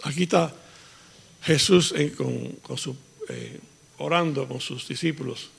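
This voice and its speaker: A male pastor delivers a sermon in a gravelly, somewhat husky voice that sits a little high. He moves between Spanish and English phrases, pressing his points with rising emphasis. The sound carries the long reverb of a church hall. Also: a little slow, a bit bright. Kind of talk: bilingual sermon. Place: church sanctuary.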